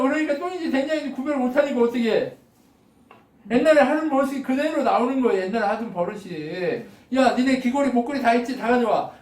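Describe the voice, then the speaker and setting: Male pastor, high voice, animated sermon, roomy and off-mic. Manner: animated, acts out God's lines with laughs. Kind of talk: lively conversational sermon. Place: church sanctuary. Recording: echoey room, mic from a distance.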